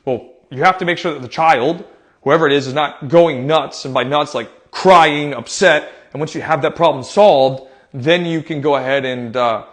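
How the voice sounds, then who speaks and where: A man's voice: a little high, moderate pace. An American man, a youth soccer coach, giving casual advice and telling stories with lots of fillers and "right?" tags. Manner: animated storyteller who acts out his own loud quoted lines.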